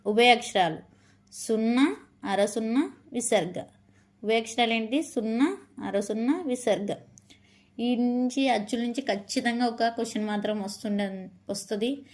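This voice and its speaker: A slightly high-voiced woman leads an exam preparation lesson in which she says each letter of the alphabet slowly, repeating and lengthening it.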